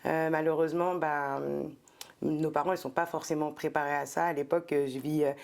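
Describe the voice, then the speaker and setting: A middle-aged woman from France tells her story in an interview with a low, gravelly voice. She speaks thoughtfully, pausing often and filling the gaps with hesitations. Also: fairly even intonation. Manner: thoughtful, many hesitations and fillers. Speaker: guest, entrepreneur and former specialized educator. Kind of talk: casual interview talk.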